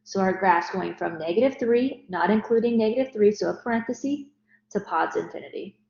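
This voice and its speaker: A woman's voice: medium pitch, a little fast, creaky, a little mellow. A woman teaching math in a recorded lecture, explaining each step. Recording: roomy, dull lo-fi recording.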